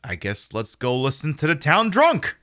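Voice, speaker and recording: A man's voice: fairly high pitch, wildly swooping pitch, moderate pace, music in the background. A man hosting a casual game livestream with joking, sarcastic, sweary commentary. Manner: sarcastic, profane. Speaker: game streamer, host.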